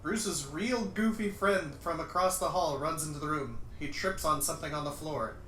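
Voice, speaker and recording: The mic is distant and the room echoey, with faint noise, as a livestreamer performs a comic dramatic reading of a screenplay. Amused, he keeps breaking into laughter. His voice is a little high, pushed and bright, at a normal speed.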